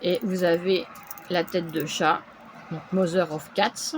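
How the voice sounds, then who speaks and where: Showing off a shopping haul from home, a female vlogger talks casually with plenty of fillers and interjections. Her voice is lowish and steady, her pace slow, and a little background noise can be heard.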